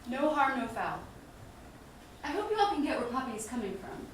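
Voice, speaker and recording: An actress playing a calm, reflective partner speaking to her partner's family. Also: high-pitched. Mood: earnest. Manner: measured, reflective. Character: calm thoughtful partner of the daughter, outsider at dinner. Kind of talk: film drama dialogue. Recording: roomy distant mic, faint hiss.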